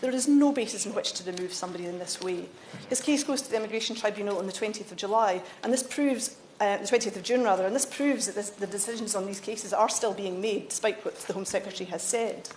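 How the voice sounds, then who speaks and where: A woman's voice: medium pitch, roomy sound, a little hiss or hum. A woman member of parliament giving an earnest, insistent debate speech, with stumbles and self-corrections. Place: debating chamber.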